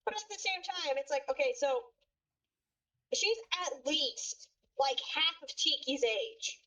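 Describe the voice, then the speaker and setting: A woman's voice: high-pitched, expressive, a little slow, sharp tone, poor audio. A woman in a casual gaming chat, opinionated and blunt, swearing freely.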